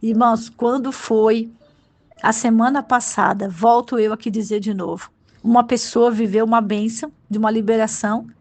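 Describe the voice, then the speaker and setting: A woman's voice: a little high, fairly even intonation, normal speed, darkish tone. A woman bishop with a Brazilian Portuguese accent, preaching a fervent, emotional sermon full of exclamations.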